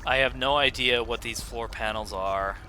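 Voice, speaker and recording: A man hosting a let's play, giving relaxed, offhand gameplay commentary. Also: medium pitch, moderate pace, a little hiss or hum. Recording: voice over game music.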